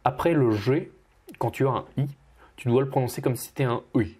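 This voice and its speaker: A man teaching pronunciation as he corrects a student, patiently repeating each word slowly. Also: medium pitch, darkish tone, slightly rough. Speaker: Russian language teacher.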